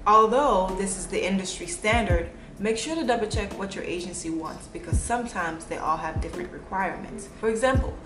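A woman's voice: mid-range voice, brisk, few pauses. A young woman in her twenties chatting casually to camera as a modeling vlogger, playful and bubbly with jokey asides. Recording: echoey room with music playing. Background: music.

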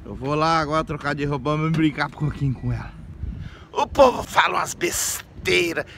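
A man's voice: on the high side, lively intonation, normal speed, vocal fry, background noise. A man filming a casual home vlog, joking and teasing as he shows his animals. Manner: joking, teasing, mocking imagined critics. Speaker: vlogger.

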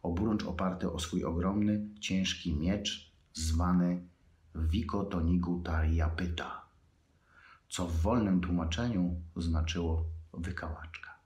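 A man, an author, reading his own fantasy prose aloud in a measured, unhurried way with pauses. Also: low-pitched, fairly even intonation, a little mellow. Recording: echoey room.

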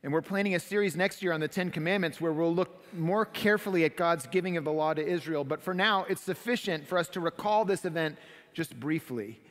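Man, middle-aged, pastor, sermon, higher-pitched, dramatic swells, long church reverb. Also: a little fast, a bit bright. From United States. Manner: expository preaching, dramatic swells when describing scenes. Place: church stage behind a wooden pulpit. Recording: long hall reverb of a sanctuary.

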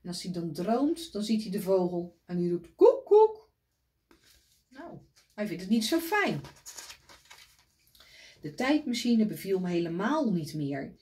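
A woman reading a picture book aloud to children, gently pointing out the pictures as she goes. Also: on the low side, animated, normal speed.

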